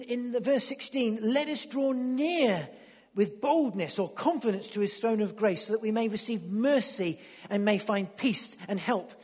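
High-voiced preacher in a reverberant hall. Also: male voice, breathy edge. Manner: halting, repeats words, builds to excited emphasis. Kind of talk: sermon.

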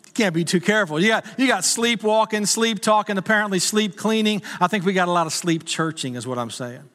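High-voiced pastor in a reverberant hall. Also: male voice, a little fast, fairly bright tone. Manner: conversational, self-deprecating humor, rising to urgent appeals. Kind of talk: sermon with humorous stories.

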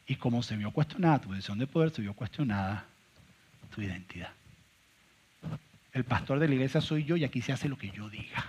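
A man preaching a sermon as pastor, emphatic and full of rhetorical questions, swinging from loud to quiet. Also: mid-range voice, animated, a little fast, pauses often, slightly rough. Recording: dull lo-fi recording.

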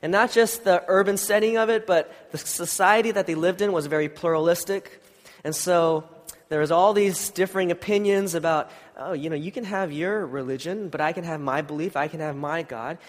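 Male preacher, fairly high nasal voice, conversational and unpolished, recorded with a big hall's reverb. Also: moderate pace. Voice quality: nasal, congested. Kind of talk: informal church sermon with scripture reading and prayer. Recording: long hall reverb.

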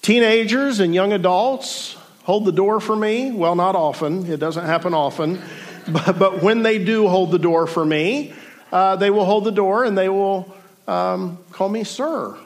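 A man's voice: sits high, a little slow. A man in his forties preaching a sermon to a congregation in a room, reflective and thoughtful, with dry self-deprecating humor. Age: 40s. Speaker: pastor.

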